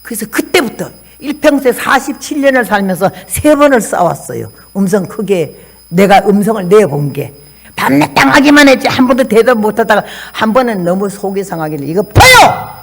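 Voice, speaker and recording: A woman's voice: medium pitch, fairly quick, creaky. A woman in her eighties, from Korea, preaching a testimony sermon as a missionary and telling stories animatedly. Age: 80s. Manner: animated storytelling, acting out quoted dialogue.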